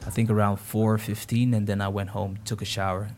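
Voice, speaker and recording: Young man from the Netherlands, interview guest; easygoing, halting delivery. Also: fairly low pitch. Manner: relaxed, hesitant with many restarts. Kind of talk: casual interview.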